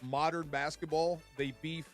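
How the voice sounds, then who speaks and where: A man in his forties co-hosting a casual sports radio show, excitable and laughing often. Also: on the high side, a little slow, faint music behind.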